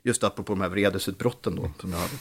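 A man, a comedian, telling stories in a casual podcast chat, animated and full of restarts. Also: low voice, breathy edge. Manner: animated storytelling with frequent restarts. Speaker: comedian guest.

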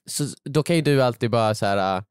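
Animated young man bantering on a podcast. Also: medium pitch, clean tone, dry recording, studio quality. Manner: playful, acts out voices in jokes. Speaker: podcast co-host.

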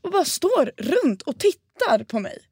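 A young woman co-hosting a casual podcast chat, telling stories in an animated way and acting out quotes. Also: high voice, no room sound, clean studio sound. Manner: animated storyteller, acts out quotes. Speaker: podcast co-host.

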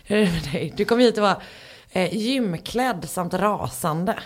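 A woman's voice: medium pitch, expressive. A woman co-hosting a casual podcast chat, teasing and chatty, drawing out her phrases. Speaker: podcast co-host.

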